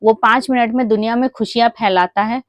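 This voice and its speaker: A woman vlogger telling a moral story to her viewers in a chatty, casual way, full of small fillers, and she briefly acts out a child's excited calls to her mother. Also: a little high, brisk, dry recording. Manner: chatty, addresses viewers as friends, many fillers.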